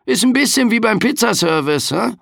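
A man performs a full character voice for an audiobook, pitched above his natural range to play a grumpy, overworked male Grim Reaper skeleton who grumbles cheekily and tags questions with "hä." The voice is high, animated, a bit bright, with vocal fry, at a moderate pace. It's a studio-quality recording with no echo.

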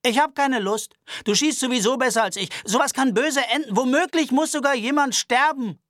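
A man's voice: very high voice, normal speed, a bit bright, no room sound, clean studio sound, pitched above the performer's own voice. A man voicing a nervous, rambling sheep farmer in a Western audiobook, babbling and laughing nervously.

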